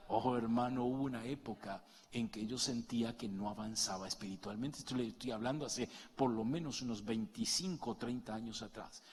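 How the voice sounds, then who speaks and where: A middle-aged man preaching a sermon, moving between quiet asides and loud, passionate peaks as he calls his listeners brother. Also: mid-range voice, a little fast, hardly any pauses, husky. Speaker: pastor. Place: church hall. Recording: long reverb of a large hall.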